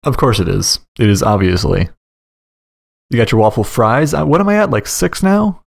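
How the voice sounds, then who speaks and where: A man co-hosting a casual comedy podcast, arguing absurd points in a deadpan way. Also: mid-range voice, normal speed, vocal fry. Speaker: podcast co-host.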